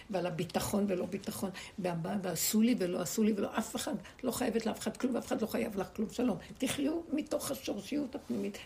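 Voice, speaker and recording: Woman, spiritual teacher, gravelly creaky voice, emphatic and repetitive, rhetorical questions, faint background noise. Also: mid-range voice, mellow. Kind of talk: spiritual teaching to a small group.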